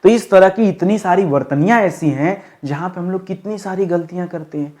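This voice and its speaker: A man's voice: high-pitched, brisk, darkish tone. A young man teaching Hindi for an exam, drilling spellings by asking a question and answering it again and again. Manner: drills students with repeated questions; addresses viewers as friends. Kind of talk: exam-prep lecture.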